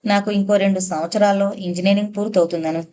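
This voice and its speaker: A woman's voice: medium pitch, fairly even intonation, fast talker, warm tone, clean tone, close to an everyday voice. A woman reading a boastful young man. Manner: eager, self-satisfied, talkative. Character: boastful young male college student, pushy. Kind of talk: audiobook character reading.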